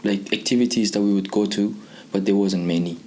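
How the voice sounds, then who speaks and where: This twentysomething from Pakistan, part of a youth programme, casually recounts his own experiences in English, which isn't his first language. He talks briskly, with a fairly low, dark voice and fairly even intonation.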